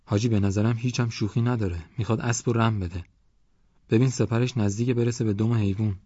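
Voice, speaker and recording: A man's voice: lowish voice, steady tone, warm tone, husky, lo-fi sound. A man voicing a polite, uneasy young village man who speaks deferentially and with hesitation. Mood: worried.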